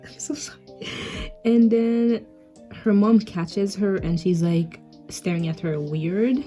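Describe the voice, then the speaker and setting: Rambling, self-mocking woman with a mellow voice. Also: medium pitch, slow, faint music behind. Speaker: artist narrating her old comic. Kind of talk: casual art commentary voice-over.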